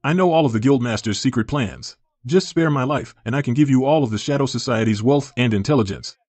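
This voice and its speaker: A man's voice: medium pitch, a little fast, a little mellow, no echo, lightly acted. A man voicing a hot-headed villainous henchman in an overacted, melodramatic English dub. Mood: cowardly pleading.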